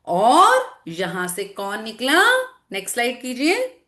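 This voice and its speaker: An animated woman teacher tells a scripture story to children over an online class. Her voice is bright and fairly high, and it leaps around a lot as she repeats phrases and checks that they follow. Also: slow pace. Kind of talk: storytelling lesson to children with slides.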